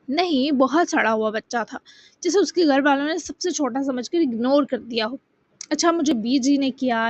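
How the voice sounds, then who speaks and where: Female romance-novel narrator, high voice, steady storytelling, dull lo-fi sound. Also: dry recording.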